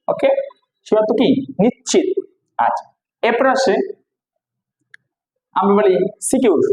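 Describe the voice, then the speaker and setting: A man with a Bangladeshi accent teaching English pronunciation, repeating each word slowly and quizzing the listener. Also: high voice, a little mellow, roomy sound, rough recording. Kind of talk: spoken classroom lesson.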